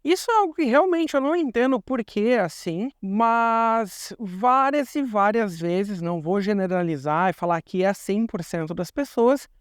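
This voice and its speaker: A man's voice: high-pitched, lively intonation, normal speed, few pauses, smooth, no room sound, clean studio sound. A young Brazilian man with a Brazilian Portuguese accent, explaining things in a chatty vlog and repeating words for emphasis. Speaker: vlogger.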